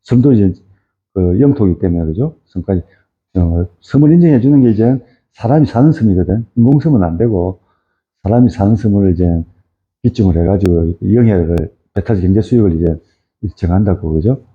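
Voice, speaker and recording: Middle-aged guy lecturing, lowish voice, rambles, tinny phone-like sound. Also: animated, brisk. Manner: rambling, frequent fillers and tag questions. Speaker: fisheries science lecturer. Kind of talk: informal explanatory lecture.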